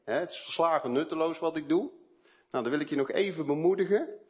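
Here a man gives a testimony-driven sermon, shifting from low, intimate storytelling to loud, emphatic moments. His voice is fairly high and his delivery is fast.

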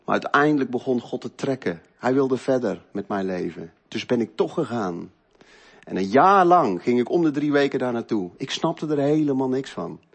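A middle-aged man telling an earnest, emotional personal faith testimony, moving between loud stretches and hushed ones. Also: medium pitch, animated, normal speed, vocal fry, slightly rough. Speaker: speaker giving a faith testimony.

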